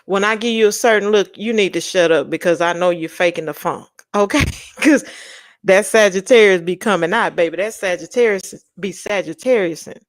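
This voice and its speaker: A young woman livestreaming from Texas, with a Louisiana touch to her accent, speaks in a mid-range voice at normal speed, no room sound. She's casually chatting with viewers, blunt and sassy, laughing through slang-heavy stories.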